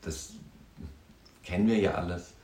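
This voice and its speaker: A man who works as a counselor and music therapist, talking in a thoughtful, halting way with many tag questions. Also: sits low, steady tone, a little mellow, roomy sound. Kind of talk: reflective conversational talk.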